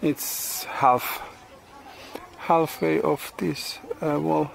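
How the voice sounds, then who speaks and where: A middle-aged man, not a native English speaker, vlogging outdoors on a tropical farm. His English is halting, with many pauses and uh's, and the camera is held at arm's length. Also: a little high, fairly even intonation, gravelly, slight background noise. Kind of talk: casual vlog narration. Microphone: handheld camera selfie and tripod camera.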